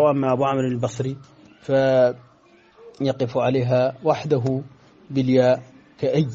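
A man teaching Quranic recitation rules, speaking in a measured way with many pauses and chanting the verse quotations he cites. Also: mid-range voice, muffled recording. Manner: measured, flat teaching delivery with frequent "aah" pauses. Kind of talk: explaining recitation rules in a lesson.

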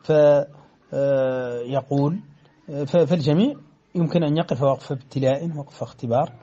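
A man teaching Quranic recitation rules, speaking in a measured way with many pauses and chanting the verse quotations he cites. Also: mid-range voice, lo-fi sound. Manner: measured, flat teaching delivery with frequent "aah" pauses. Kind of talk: explaining recitation rules in a lesson.

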